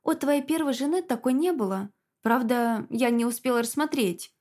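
A woman's voice: on the high side, normal speed, darkish tone, close to an everyday voice. A woman reading the lines of a menacing, gloating male villain in an audiobook, mocking and cruel. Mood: taunting. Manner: taunting, mocking.

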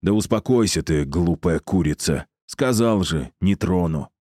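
A man's voice: low-pitched, expressive, measured pace, warm tone, dry recording, studio quality. A man voicing an arrogant, cruel male necromancer who mocks and insults his captives. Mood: irritated. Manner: mocking, condescending, insulting.

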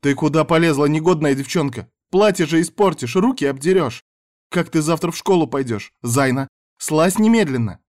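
A man voicing a strict mother who scolds her daughter in a raised, sharp voice. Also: medium pitch, a little fast, few pauses, close to an everyday voice. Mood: scolding. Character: strict tall red-haired mother, scolding.

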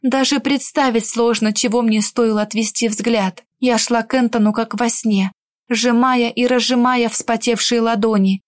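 A woman reading a first-person fantasy romance audiobook in an expressive, emotional way. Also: fairly high pitch, moderate pace, no room sound, studio quality. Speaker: audiobook narrator. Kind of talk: first-person scripted narration.

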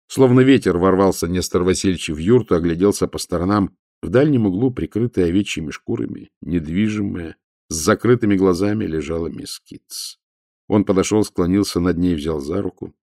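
A man narrating an audiobook in a steady, measured way. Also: deep voice, no room sound, studio quality.

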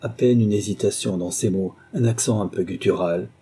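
A man voicing a loyal middle-aged male valet who speaks in an earnest, measured way. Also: on the low side, dark tone, slightly rough. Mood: grave.

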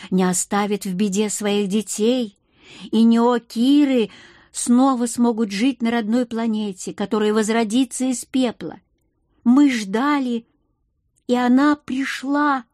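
A reverent male cat-headed alien speaks with a solemn storytelling tone, as a woman reads him in an audiobook. His voice sits a touch higher and slower than plain narration. The recording is dry and close. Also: a little mellow, no echo. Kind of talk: audiobook character voice.

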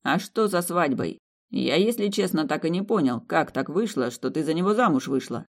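A man's voice: on the high side, animated, moderate pace, gravelly. A narrator voicing a young man, a hurt fiancé who teases with bitter irony but forgives. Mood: wounded, indignant. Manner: mocking, wryly ironic.

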